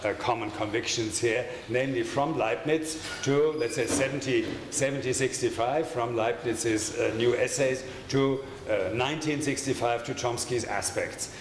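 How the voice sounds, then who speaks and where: An older man with a German accent and a mid-range voice gives an academic lecture as a conference speaker, talking into a desk microphone at a lectern. His delivery is halting, full of fillers and restarts, with wry asides. The lecture hall has a projection screen, and the recording is echoey with faint room noise.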